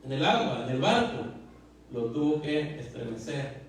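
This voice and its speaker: A man's voice: medium pitch, big pitch swings, unhurried, slight background noise. A man preaching a sermon as pastor, fervent and repetitive, full of fillers and questions to the congregation. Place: church hall. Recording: very echoey hall, mic far off.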